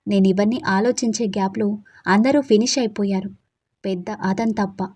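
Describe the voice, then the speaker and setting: A woman's voice: mid-range voice, normal speed, dark tone, breathy edge. Woman telling an emotional story. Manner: emotional, confiding first-person telling. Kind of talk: scripted first-person audio story narration.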